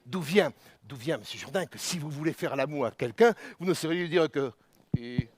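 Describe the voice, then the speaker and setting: An actor playing a pompous philosophy teacher who lectures pedantically, over-articulating every vowel. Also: male voice, on the high side, expressive, moderate pace, breathy edge, dry recording. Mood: pedantic.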